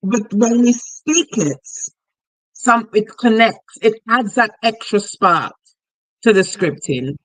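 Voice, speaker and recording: A woman coach talking in a casual, lively way with a medium voice. She acts out other people's voices as she tells stories. The sound is dry and close, with no room echo. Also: medium pitch, takes it slowly. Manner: animated, acts out quoted voices; chatty, laughs while talking. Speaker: money mindset coach. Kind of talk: casual live teaching.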